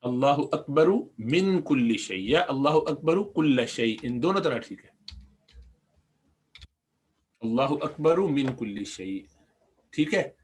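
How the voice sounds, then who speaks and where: A man with a Pakistani Urdu accent teaching Arabic grammar in a recorded lesson, explaining patiently, repeating words slowly and putting questions to the class. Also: medium pitch, animated, husky.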